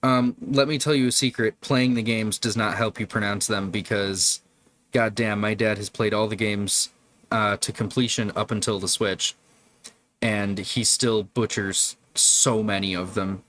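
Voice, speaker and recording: A man's voice: fairly low pitch, steady tone, measured pace, a bit bright. A man hosting a casual livestream, chatting with viewers in a rambling, profane way. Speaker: livestream host. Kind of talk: casual live-stream chat.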